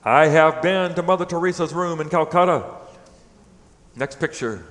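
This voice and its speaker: A middle-aged man preaching a sermon in a church, swinging between loud emphatic peaks and hushed low lines. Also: normal speed, in a large hall. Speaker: pastor. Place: church sanctuary.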